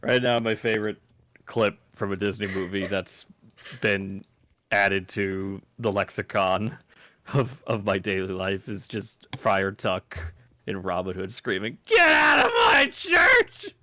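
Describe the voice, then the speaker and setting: A man's voice: low voice, flat delivery, a little slow, fairly bright tone, dry recording. A man in a casual chat while a game is played, talkative and opinionated about movies.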